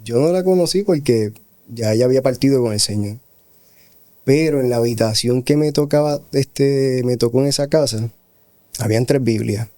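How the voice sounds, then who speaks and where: A middle-aged pastor tells his testimony slowly, pausing and restarting as he recalls. His voice is mellow and warm, sitting at a middle pitch. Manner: slow, reflective storytelling with hesitations. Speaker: pastor, guest. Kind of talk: testimony in a radio interview.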